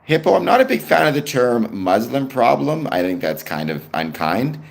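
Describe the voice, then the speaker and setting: Very animated and speaking at a moderate pace, a young Canadian livestream host talks in a medium-pitched voice with vocal fry and a Canadian accent. He chats casually, responding to viewer comments with frequent ums.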